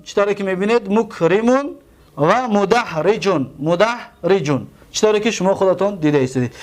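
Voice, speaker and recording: High-voiced man teaching grammar. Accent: Tajik. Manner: repeats terms slowly, asks and answers own questions. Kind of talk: classroom lesson.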